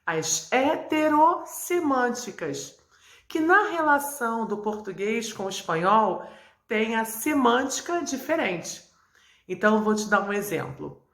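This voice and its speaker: A woman from Brazil, a Spanish teacher, explaining terms in a clear, didactic way and repeating key points. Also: a little high, very animated, unhurried, fairly bright tone. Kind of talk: video lesson to camera. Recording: echoey room.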